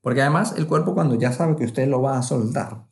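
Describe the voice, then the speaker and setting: A man spins a comic travel tale with lively energy. He punctuates it with sound effects and acts out his own inner voices. His mid-range voice carries a roomy echo. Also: medium pitch, a little fast. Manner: animated, vivid, full of sound effects and acted-out inner voices. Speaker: travel vlogger.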